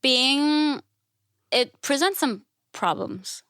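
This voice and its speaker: A Thai woman, a classical musician and educator, tells candid stories as a podcast guest, saying "like" a lot and acting out quoted remarks. Her high voice has lively intonation and drawn-out words, a bit bright, in a dry, studio-quality recording.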